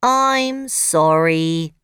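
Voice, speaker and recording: A woman's voice: sits low, animated, drawn-out words, a bit bright, smooth, dry recording, clean studio sound, exaggerated voice. A woman voicing a clumsy, apologetic little robot in a storybook read for learners. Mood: meek. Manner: meek and apologetic.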